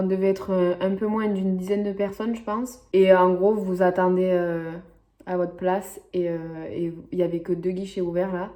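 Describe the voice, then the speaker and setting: A woman's voice: medium pitch, a little mellow. A young woman from the French Basque Country telling a story to camera in a chatty, rambling way, full of fillers and asides. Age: young adult. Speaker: vlogger. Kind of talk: casual storytelling vlog.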